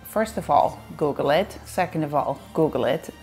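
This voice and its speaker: Speaking at a normal pace with lively intonation, this woman from the Netherlands has a deep, slightly mellow voice over faint background music. In her thirties, she chats casually to camera from an indoor sofa, fielding fan questions with a Dutch accent, playful and quick to laugh.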